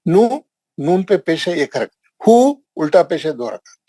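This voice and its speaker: A middle-aged man with a Hyderabadi accent teaching Quran recitation in an online lesson, slowly drawing out and repeating drill words for his students. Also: a little high, sing-song, mellow, dry recording, rough recording. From India.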